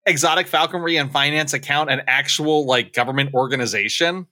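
A man's voice: fairly high pitch, fairly quick, pushed and bright. Wry joking podcast co-host, man. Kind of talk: casual chat.

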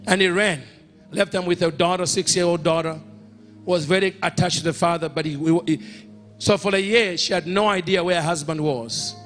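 A man's voice: sits high, steady tone, normal speed, a bit bright, faint music behind. A male preacher telling a story in a sermon and leading prayer, emphatic, repeating phrases and calling out to the congregation. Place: church or conference hall in Ghana.

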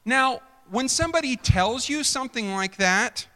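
A man's voice: very high voice, animated, normal speed, sharp tone, in a large hall. A man preaching a conversational sermon, chatty and self-interrupting, quizzing his congregation. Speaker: pastor.

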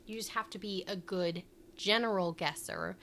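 A woman's voice: mid-range voice, normal speed, a bit bright, a little hiss or hum. A woman co-hosting a podcast, chatting casually and playfully. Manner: giggly, playful, breaks into silly voices and song. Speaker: podcast co-host. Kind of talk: casual chat.

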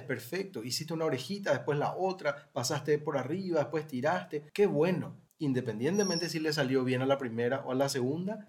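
A man co-hosting a talk show, explaining parenting ideas and checking in with tag questions. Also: medium pitch. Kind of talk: conversational advice talk.

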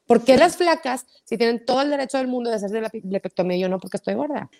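A woman, a podcast guest who tells a story in lively casual conversation, acting out the dialogue and slipping in English phrases. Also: fairly high pitch, fast talker. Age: 40s. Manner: animated storyteller, acts out quoted dialogue, mixes in English phrases.

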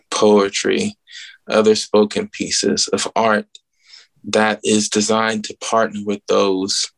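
A guest musician from the Bahamas gives casual remarks at an event in a lowish voice with vocal fry. He speaks earnestly and reflectively, often searching for his words.

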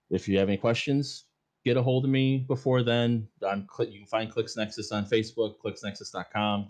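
A man with a fairly low voice chats as a podcast guest. He plugs his pages with a jokey, self-aware tone. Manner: jokey, promotional. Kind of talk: casual chat.

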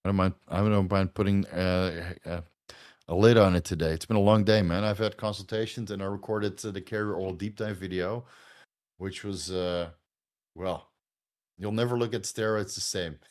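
Dutch-accented man, casual and low. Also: fairly even intonation, moderate pace, a little mellow. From Netherlands. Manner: loose, swears, laughs often. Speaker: host answering viewer questions. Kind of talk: casual livestream Q&A.

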